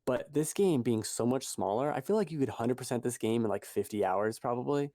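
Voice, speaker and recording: A man's voice: medium pitch, animated, fairly quick, dark tone, no room sound, studio quality. A man co-hosting a podcast in casual chat, rambling and correcting himself as he goes. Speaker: podcast co-host.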